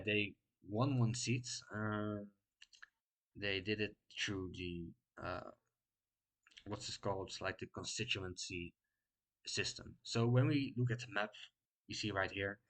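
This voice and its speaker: A man with a Dutch accent casually walking through election results in a vlog, pausing often with fillers while he explains. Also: fairly low pitch, fairly bright tone, poor audio. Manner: unscripted, many filler pauses while explaining. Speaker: political commentary vlogger.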